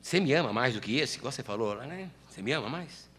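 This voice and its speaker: A preacher doing a hushed, tender master. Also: male voice, medium pitch, animated, fast talker, breathy edge, pitched below the performer's own voice. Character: gentle, patient male master and teacher.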